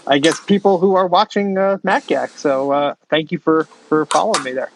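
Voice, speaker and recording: A man co-hosting a casual podcast over a video call, relaxed and full of fillers. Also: a little high, normal speed, slight background noise, poor audio. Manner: relaxed, filler-heavy plugging. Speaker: podcast co-host. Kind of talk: casual chat.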